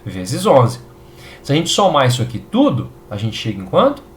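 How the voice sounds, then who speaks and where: A Brazilian man gives a recorded chemistry lesson in an upbeat, reassuring way, checking in with his students often. His pitch swings widely and animatedly as he explains. A faint hum of background noise sits under his voice. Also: huge pitch swings, moderate pace. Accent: Brazilian Portuguese. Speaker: chemistry teacher.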